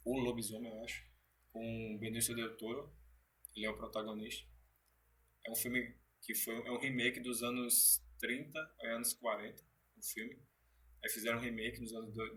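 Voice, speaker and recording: Man, guest actor, animated storyteller, bright tone, recorded from a distance. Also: medium pitch, normal speed. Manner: animated storyteller, frequent restarts. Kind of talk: casual interview chat. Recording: distant from the mic.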